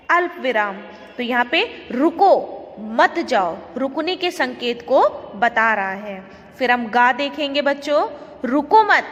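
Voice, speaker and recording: A woman's voice: high voice, a bit bright, in a large hall. A woman teacher giving an online grammar lesson, explaining step by step and asking the class questions.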